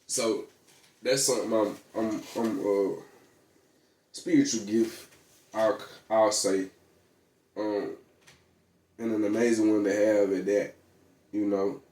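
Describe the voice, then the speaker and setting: A man with a low, dark, mellow voice talks in a loose, rambling way, heavy on slang and filler words. He keeps restarting his sentences as he goes. His voice bounces around a roomy, echoey space. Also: fairly even intonation, slow pace, long pauses. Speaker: vlogger. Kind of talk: casual monologue. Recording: echoey room.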